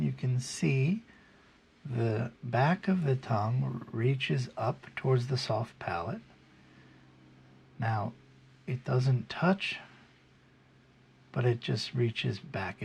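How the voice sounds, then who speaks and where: Man, standard American accent, slow delivery, husky gravelly voice, informal instructional style, patient and halting. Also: mid-range voice. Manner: halting, patient step-by-step explaining. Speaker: pronunciation teacher. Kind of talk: informal instructional video, demonstrating English sounds.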